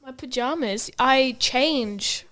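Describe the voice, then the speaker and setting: A woman's voice: high voice, slow, sharp tone. A teenage girl, co-hosting a casual podcast chat, chatty and blunt with friendly teasing. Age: teens. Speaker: podcast co-host.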